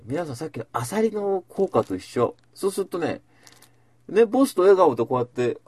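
Man, casual chat host, rambling asides, dry close sound, husky. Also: medium pitch, a little mellow, dry recording. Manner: rambling storytelling with asides, acting out quotes.

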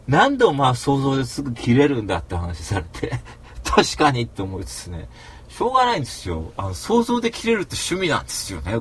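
A man hosting a talk show, telling a rambling story in rough, casual speech and flaring into mock rants. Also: medium pitch, fairly bright tone. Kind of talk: casual monologue.

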